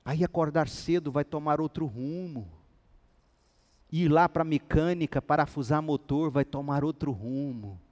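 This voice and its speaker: A male pastor preaching a sermon with animated storytelling, acting out the dialogue in his stories. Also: on the high side, measured pace.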